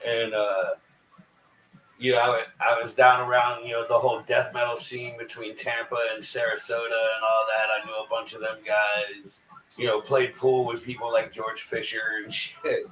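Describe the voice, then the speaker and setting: A man's voice: mid-range voice, level tone, moderate pace, a bit bright. Forties male, easygoing podcast co-host, echoey room. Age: 40s. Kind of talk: casual chat. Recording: roomy echo.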